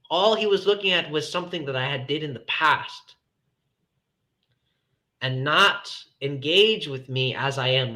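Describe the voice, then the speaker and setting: A man's voice: on the high side, bright, forceful tone. A man talking personally and reflectively in casual conversation, earnest and emphatic, often repeating phrases.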